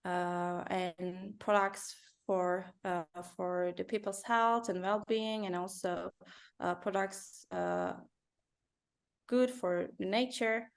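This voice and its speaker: A woman from Turkey, a company founder and designer, answering interview questions in careful English with many pauses and fillers. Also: mid-range voice, lively intonation, clear, resonant tone. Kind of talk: business interview.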